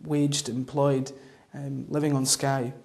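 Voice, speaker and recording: Guy, bit of vocal fry, not much melody, halting careful interview answers. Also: mid-range voice, completely flat delivery, darkish tone. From Scottish Highlands. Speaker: vox pop interviewee.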